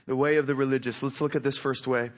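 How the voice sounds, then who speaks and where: A man giving an informal sermon as a pastor, conversational and repeating phrases for emphasis, his voice froggy and hoarse with a cold. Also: mid-range voice, flat delivery, fast. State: hoarse from a cold, clearing throat. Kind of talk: sermon, informal teaching with scripture reading.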